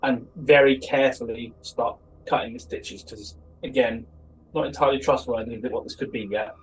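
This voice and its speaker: Male player, mid-pitched, spells out his character's moves, faint hum behind. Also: steady tone, moderate pace, rough recording. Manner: describing actions step by step. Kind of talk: tabletop game play.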